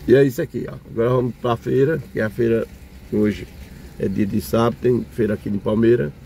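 A mid-range, gravelly, mellow voice belongs to an older male vlogger who talks a little fast in a steady tone. He chats casually and points things out to viewers as he drives and walks around an outdoor street market. A little hiss or hum sits under the audio.

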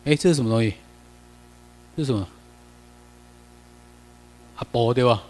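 A man with a Taiwanese accent teaches a class from slides at a moderate pace, his middling, somewhat dark voice trailed by the long reverb of the lecture hall. He's chatty, slips into Taiwanese Hokkien, and keeps firing questions at the students.

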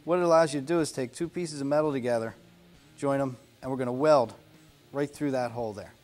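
A man's voice: mid-range voice, a little fast, a little mellow, faint music behind. Man explaining welding steps plainly. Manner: plain, practical step-by-step explaining. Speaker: welding instructor. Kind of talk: instructional demonstration. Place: indoor workshop garage studio.

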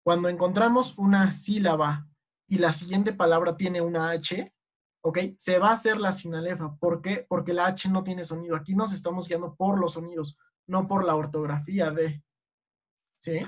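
A Mexican woman teaching an online class, explaining poetry meter slowly and patiently, and often checking in with a quick "ok?" as she goes. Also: fairly low pitch, steady tone.

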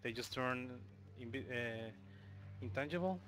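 With soft music in the background and poor audio, a man from Mexico narrates his speedrun as he plays. He's loose and chatty, using fillers, and has a Mexican accent. His voice is medium-pitched and a bit bright, at a measured pace.

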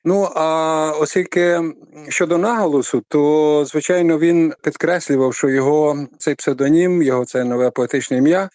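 Older male academic guest, measured lecturing delivery with hesitations, mid pitch, dry studio. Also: darkish tone, no echo. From Ukraine. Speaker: literary scholar guest. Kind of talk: radio interview.

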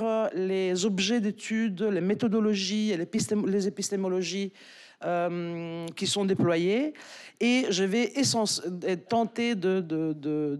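At a conference, a woman in her forties from Italy talks into a handheld mic in a lecture hall, her French marked by an Italian-Belgian accent. Her voice is mid-range and a little mellow, and she is hesitant, restarting often and using many fillers.

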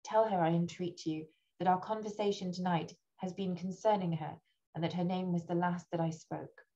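A woman's voice: on the low side, steady tone, moderate pace, dark tone, dull audio, lightly acted. A woman voicing a lovesick, despairing young male officer with a pleading, mournful manner in a read-aloud gothic tale.

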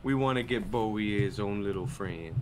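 A man's voice: fairly low pitch, moderate pace. Male streamer from Minnesota, casual rambling chat, faint hiss behind. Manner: relaxed, rambling with um and uh fillers. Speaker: game streamer.

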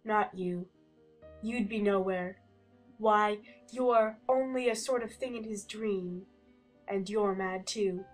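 A woman's voice: mid-range voice, slow, soft background music, lightly acted. A woman playing a mad, teasing talking cat who speaks in matter-of-fact riddles in a dramatized audiobook.

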